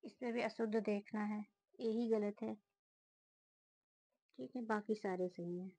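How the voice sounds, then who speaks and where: A woman working through a grammar test, reading each option aloud and giving quick verdicts. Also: medium pitch, fairly even intonation, dark tone, poor audio. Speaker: student solving a test series. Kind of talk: casual spoken walkthrough of exam answers.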